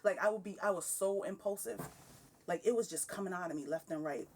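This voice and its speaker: Candid woman in her thirties, lowish voice. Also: brisk, far from the mic. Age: 30s. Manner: candid, animated, laughs often. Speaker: podcast guest. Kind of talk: casual conversation.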